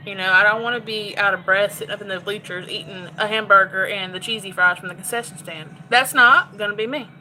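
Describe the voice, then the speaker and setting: A woman's voice: medium pitch, fairly even intonation, fast talker, hardly any pauses, bright, forceful tone, a little hiss or hum, rough recording. A woman chatting candidly to her phone while cooking in her home kitchen. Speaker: cooking vlogger. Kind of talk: casual chat while cooking.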